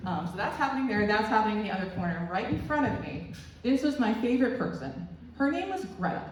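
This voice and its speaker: A woman's voice: medium pitch, lively intonation, quick pace. A woman in her twenties doing rambling, crude, self-deprecating stand-up storytelling in a small club room. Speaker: stand-up comedian. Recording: very echoey room, distant mic, faint noise.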